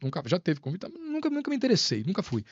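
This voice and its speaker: A man's voice: high voice, fast talker, no room sound, lo-fi sound. A man guest on a podcast, chatting casually and telling stories with lots of slang and acted-out quotes. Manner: animated storyteller, slangy, acts out quotes. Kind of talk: casual chat.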